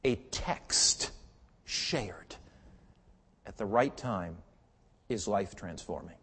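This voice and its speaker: Older male pastor, sermon delivery, loud emphatic peaks and hushed storytelling, long reverb off a big hall. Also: on the low side, takes it slowly, husky. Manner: impassioned preaching that swings from loud emphatic peaks to quiet storytelling.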